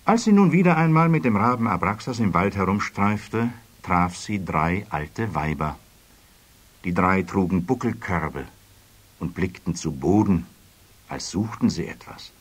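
A man narrates a children's fairy tale, reading scripted storybook prose with expressive, dramatic phrasing in a storytelling mood. His voice sits low, husky and exaggerated.

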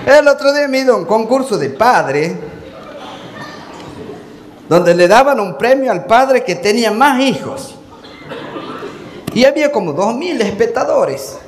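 A man doing a stand-up routine, telling jokes and acting out the people in them, often dropping low for doctors and fathers. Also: sing-song, unhurried, pauses often. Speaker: stand-up comedian. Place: live show venue with an audience. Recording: echoey live venue with noise.

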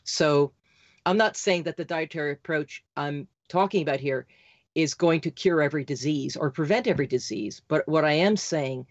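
A woman being interviewed as a podcast guest, talking quickly and insistently, like an auctioneer. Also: low-pitched, dry recording, muffled recording. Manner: insistent, rapid, talks like an auctioneer. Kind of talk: fast, emphatic interview talk.

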